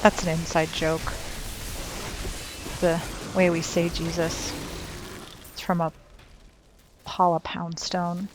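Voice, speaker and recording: A woman's voice: fairly low pitch, little pitch movement, takes it slowly, long pauses, noisy background. A woman streaming a video game, chatting wryly and talking back to the game as she plays. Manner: chatty, wry, talks to the game. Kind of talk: casual chat while gaming.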